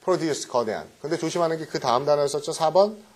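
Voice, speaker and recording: A middle-aged man teaching English vocabulary in a recorded lecture, often quizzing his students with quick questions and tag checks. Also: on the high side, animated, slightly rough. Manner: mixes English words into explanations.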